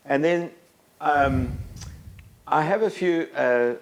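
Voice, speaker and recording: A man's voice: on the high side, slow, gravelly. A man, a podcast guest telling long, rambling stories with many ums and restarts. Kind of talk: casual storytelling chat.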